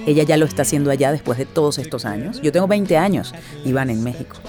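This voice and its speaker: Deep-voiced and mellow, she talks fast, with faint music behind her. She's a middle-aged voice actress from Venezuela giving thoughtful interview answers, frequently starting sentences over and ending them with tag questions.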